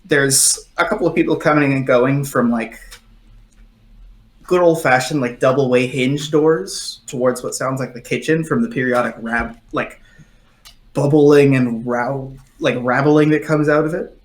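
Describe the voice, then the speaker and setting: Male game master, loose descriptive narration, lots of "like", mid pitch. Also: measured pace, echoey room. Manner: descriptive, filler-heavy narration.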